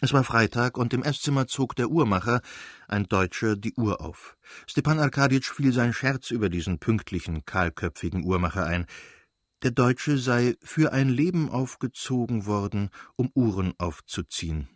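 A man reading a classic novel aloud in calm, measured audiobook narration. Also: mid-range voice, dry recording, clean studio sound. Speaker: audiobook reader.

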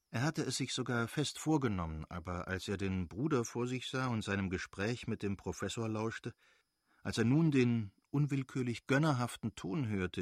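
A man reading an audiobook as narrator in a steady, measured way. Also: on the low side, no room sound, studio quality. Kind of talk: scripted narration.

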